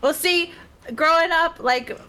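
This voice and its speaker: An American woman co-hosting a podcast in casual chat, chatty and quick to laugh. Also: very high voice, bright, forceful tone. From United States. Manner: giggly and chatty, laughs often. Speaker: podcast co-host.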